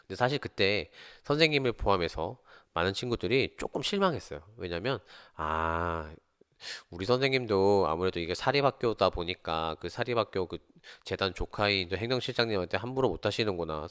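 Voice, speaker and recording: A man with a low, smooth, resonant voice tells a story from his own school days. He slips into the voices of the people in it, jumping sharply higher when someone shouts. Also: lively intonation, fairly quick. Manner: acts out quoted voices with big pitch jumps. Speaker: teacher telling a personal story. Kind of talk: storytelling monologue.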